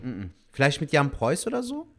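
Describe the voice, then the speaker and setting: A young man in casual, slangy podcast chat, animated and friendly toward his co-host. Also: on the high side, moderate pace.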